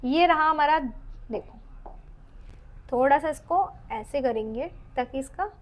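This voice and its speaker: A woman with an Indian accent teaching a dental anatomy lecture. She reads English lines slowly, then explains them in Hindi with questions to the class, and counts teeth aloud under her breath. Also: high-pitched. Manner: counts teeth aloud while drawing, trailing off softly. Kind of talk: exam-oriented lecture.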